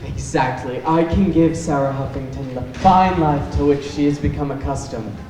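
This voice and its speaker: A man playing a vain, wealthy gentleman rehearsing a proposal in a pompous stage-comedy manner. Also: on the high side, moderate pace, close to an everyday voice. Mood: smug. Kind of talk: stage musical comedy acting. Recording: echoey stage from far off, noisy.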